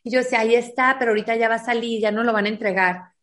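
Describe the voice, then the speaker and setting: Earnest high-voiced woman. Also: steady tone, rapid-fire, fairly bright tone. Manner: earnest, acts out quoted dialogue. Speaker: guest, foundation founder. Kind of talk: emotional personal storytelling.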